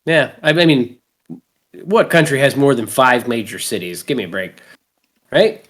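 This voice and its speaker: Animated Canadian man, casual chat. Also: medium pitch, normal speed. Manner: rambling, swears freely, lively storytelling. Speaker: podcast host.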